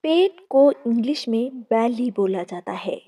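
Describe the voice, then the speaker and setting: A woman's voice: on the high side, lively intonation, measured pace, warm tone, far from the mic. A woman with an Urdu accent teaching body-part words, repeating each one with careful pronunciation. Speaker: vocabulary teacher. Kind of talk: slow vocabulary lesson.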